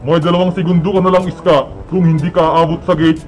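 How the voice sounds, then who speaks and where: A man's voice: a little high, little pitch movement, fast talker, natural voice. A man voicing a stern soldier who announces the game rules and chases the players. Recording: music playing behind.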